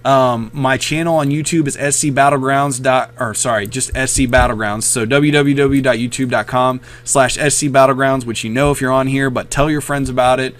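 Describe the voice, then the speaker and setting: A man's voice: mid-range voice, fairly even intonation, moderate pace, few pauses. A very tired man casually commenting on a replay of his own match late at night, rambling with many ums and uhs.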